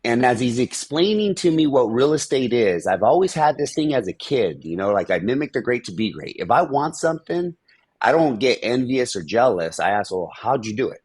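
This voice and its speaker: A man's voice: mid-range voice, big pitch swings, normal speed, a little mellow, breathy edge, dry recording. Candid, profane man telling his story. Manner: candid and profane, acts out past conversations. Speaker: podcast guest. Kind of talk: storytelling in an interview.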